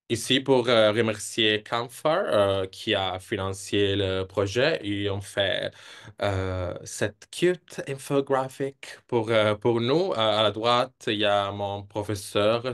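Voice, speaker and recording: A man's voice: lowish voice, clear, resonant tone. A young man with an Italian accent in his non-native French, presenting research hesitantly and searching for words. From Italy. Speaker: PhD candidate presenting research.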